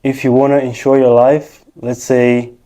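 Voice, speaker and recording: A man's voice: medium pitch, level tone, unhurried, warm tone. A man from Rwanda, patiently explaining things step by step as an interview guest. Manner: patient, explanatory, steps through points one by one. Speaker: interview guest, technician and financial professional. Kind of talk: casual interview answers.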